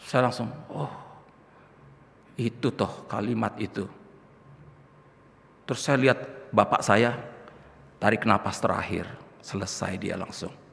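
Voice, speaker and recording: Gravelly, bright-voiced male pastor preaching. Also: on the low side, fairly even intonation, unhurried, pauses often. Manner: emotional storytelling, addresses congregation as brothers and sisters. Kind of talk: sermon. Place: church. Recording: long reverb of a church hall.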